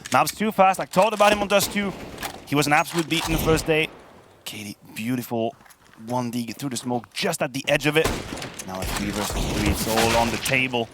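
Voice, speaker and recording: A man with a French accent commentating an esports match, excitable and playful in banter. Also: medium pitch, fairly quick, noisy background. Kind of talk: play-by-play commentary.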